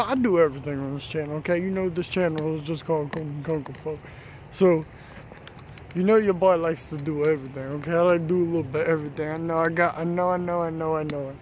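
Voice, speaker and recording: A man's voice: on the high side, steady tone, quick pace, a little hiss or hum. Breathless young man rambling outdoors. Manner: rambling, repeats "of course" constantly. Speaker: vlogger. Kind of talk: casual vlog chat.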